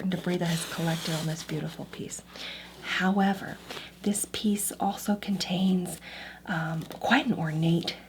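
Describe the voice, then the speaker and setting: A woman doing an ASMR role-play as an antiques appraiser, giving gentle step-by-step instructions and softly repeating words. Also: lowish voice, a little hiss or hum.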